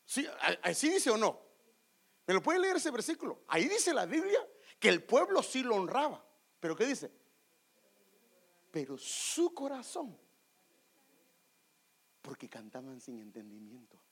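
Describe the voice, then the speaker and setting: Pastor, church teaching on worship, raspy voice, lively rises and falls, rhetorical questions, sings snatches of hymns. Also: mid-range voice, a little slow, long pauses. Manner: animated, asks the congregation rhetorical questions; sings short bits of worship songs.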